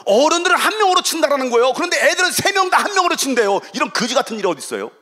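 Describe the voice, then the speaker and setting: A middle-aged man preaching a revival sermon as guest pastor, swinging between loud shouting and quiet asides and acting out quoted voices. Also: very high-pitched, sing-song, rapid-fire.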